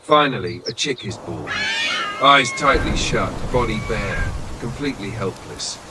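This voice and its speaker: A man reading scripted nature documentary narration in a solemn, dramatic manner, with short measured phrases and weighted pauses. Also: on the low side, lively intonation, background noise. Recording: loud nature ambience of birds and insects.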